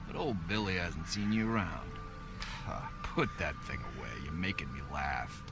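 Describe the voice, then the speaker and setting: An actor playing an amused, rough old townsman in a game, with a folksy, teasing manner. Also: deep voice, expressive, moderate pace, loud music behind the voice.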